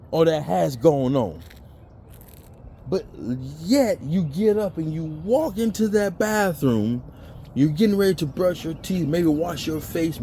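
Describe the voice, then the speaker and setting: A man's voice: fairly high pitch, mellow, slight background noise. A man in a blunt, preachy motivational rant, cursing and mimicking people who make excuses. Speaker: motivational vlogger.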